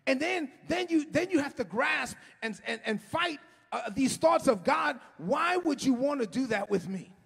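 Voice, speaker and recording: A middle-aged man preaching an impassioned sermon as a pastor, often shouting and stretching his words, recorded in a church sanctuary. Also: extremely high pitch, expressive, normal speed, creaky. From United States. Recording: long hall reverb.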